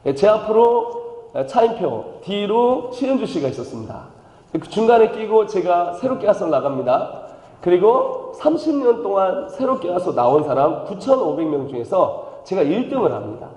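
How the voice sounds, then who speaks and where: A man's voice: high-pitched, very animated, moderate pace, warm tone, echoey room, big-room sound, low-quality recording. A man with a Chungcheong accent preaching a playful revival sermon, calling for amens and slipping into dialect impressions. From Chungcheong, South Korea. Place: church sanctuary.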